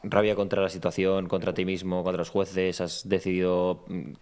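A man hosting a podcast, talking in a quick, loose conversational way. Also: low voice, little pitch movement, a little mellow. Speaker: host. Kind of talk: casual podcast chat.

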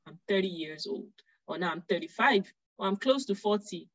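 A woman's voice: medium pitch, lively intonation, normal speed. A woman hosting an interview who asks questions and affirms her guest often. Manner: affirming, frequent murmured agreement. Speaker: host. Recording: dry, dull lo-fi sound.

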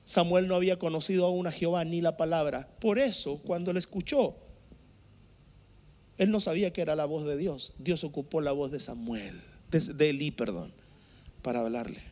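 A male pastor preaching a sermon to his congregation in an animated, emphatic way, with sudden loud outbursts. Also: on the high side, moderate pace. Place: church service before a congregation.

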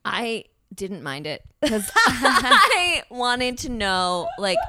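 A young woman co-hosting a casual podcast, jokey and giggly, tossing in quick quips. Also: on the high side, wildly swooping pitch, very noisy. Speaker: podcast co-host. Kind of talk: casual chat.

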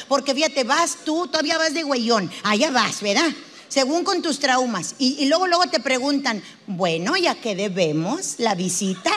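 A woman's voice: sits high, fairly bright tone. A Mexican woman doing a chatty, slangy stand-up bit, acting out both sides of a therapy session. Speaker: comedian. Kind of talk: stand-up comedy monologue.

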